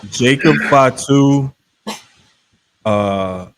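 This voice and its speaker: A middle-aged man in a casual group chat as a podcast host, talking in an animated, emphatic, slangy way. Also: medium pitch, drawn-out words, noisy background.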